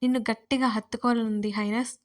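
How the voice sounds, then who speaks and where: A woman's voice: fairly high pitch, level tone, fast, natural voice. A woman voicing an affectionate young man who teases his sweetheart, in a romantic audio story. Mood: tender. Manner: sweet, teasing, a little sarcastic.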